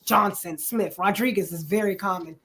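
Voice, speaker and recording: A woman's voice: mid-range voice, moderate pace, fairly bright tone. Chatty woman in her forties. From New Jersey. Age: 40s. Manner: chatty, many ums, says "literally" often. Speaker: guest. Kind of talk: casual interview self-introduction.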